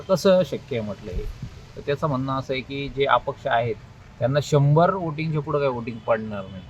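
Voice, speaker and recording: An election candidate with a Maharashtrian accent speaks informally, partly on a phone call and partly as a public statement. His voice is mid-range, with the highs cut off and a little hiss or hum in the recording.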